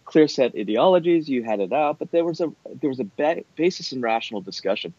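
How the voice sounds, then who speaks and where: A middle-aged man, an academic, speaking discursively and thoughtfully in a conversational interview, with hesitant, measured phrasing. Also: medium pitch, animated, darkish tone. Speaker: university academic being interviewed. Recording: dull, roomy, echoey sound.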